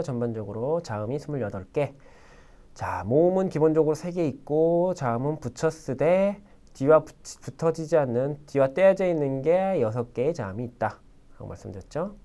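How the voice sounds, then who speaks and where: Lively man teaching a language lesson. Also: mid-range voice, normal speed. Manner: lively explanatory teaching, frequent "자" prompts; writes with a pen while explaining. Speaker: Arabic language instructor. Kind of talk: recorded video lecture.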